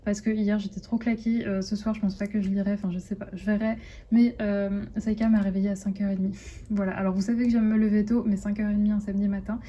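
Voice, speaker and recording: A woman's voice: medium pitch, little pitch movement, fast, warm tone, dull audio, a little hiss or hum. A young woman with a French accent chatting casually to her phone camera at home, rambling with lots of fillers and restarts. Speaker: vlogger. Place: at home indoors.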